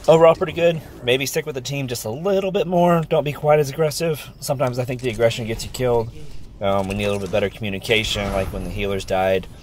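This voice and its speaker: A man giving a relaxed, upbeat review of a friend's game round, his voice worn from being sick. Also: medium pitch, fast. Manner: easygoing, upbeat, many ums. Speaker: gameplay reviewer. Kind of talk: casual gameplay commentary.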